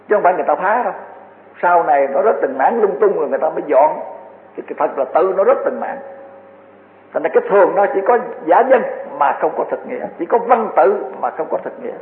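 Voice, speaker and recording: High-voiced man preaching. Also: a little hiss or hum. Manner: earnest, repetitive, vivid everyday examples. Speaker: Buddhist dharma teacher. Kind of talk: Buddhist sermon. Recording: tinny phone-like echoey hall.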